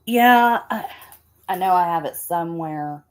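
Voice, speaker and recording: Low-voiced Midwestern woman co-host. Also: animated, unhurried. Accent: Midwestern American. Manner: reads out research notes, spells words letter by letter. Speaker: podcast co-host. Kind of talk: casual chat.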